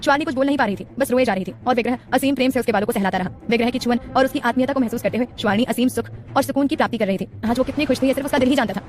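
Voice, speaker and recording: Fast-talking woman narrating a romance. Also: fairly high pitch, a little mellow, slight background noise. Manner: rapid, dramatic storytelling. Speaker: audiobook narrator.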